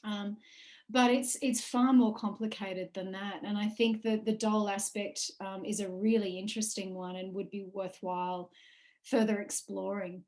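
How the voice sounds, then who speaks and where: A woman's voice: mid-range voice, flat delivery, normal speed, darkish tone. A woman researcher speaking on an online panel over a video call while recovering from flu, earnest and full of ums.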